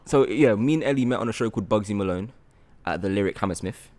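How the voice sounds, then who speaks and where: A British man in his twenties hosts a friendly, casual interview as a podcast host, sitting on a sofa in a bright, loft-style room and holding a handheld microphone. His fairly low, slightly mellow voice moves fast, and he's effusive, repeating words for emphasis.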